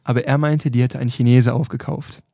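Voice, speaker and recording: A man's voice: mid-range voice, flat delivery, a little fast, creaky, dark tone, no room sound, clean studio sound. A man co-hosting a podcast, telling a story in a casual, hedging way. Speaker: podcast co-host.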